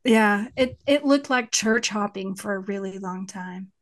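A woman with a West Texas twang, speaking as an interview guest in a thoughtful, halting way as she searches for words. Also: medium pitch. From West Texas, United States. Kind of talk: reflective interview conversation about faith.

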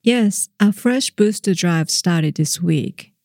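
A reporter guest on a news podcast, explaining the facts in a measured way with small hesitations. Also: mid-range voice, a little mellow, dry recording, clean studio sound.

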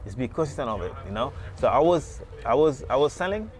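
In a casual street interview at an outdoor beach market booth, a man from Senegal who owns the stall shares his story. His medium-pitched voice is brisk and sing-song, and he rambles, repeats words, and keeps saying "you know".

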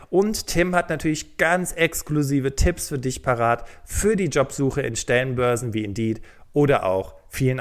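A man hosting a solo career-advice podcast, speaking straight to the listener and checking in with a quick "okay?". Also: mid-range voice. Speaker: podcast host.

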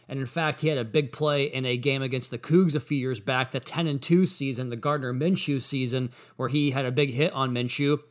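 A man's voice: on the high side, fairly bright tone. An American man hosting a sports podcast, talking in a monologue.

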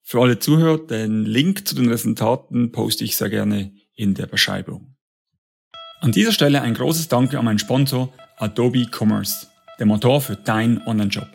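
A man's voice: mid-range voice, normal speed, gravelly, soft background music. A man hosting a podcast, asking questions in an upbeat, enthusiastic way and reading a sponsor message. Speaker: podcast host.

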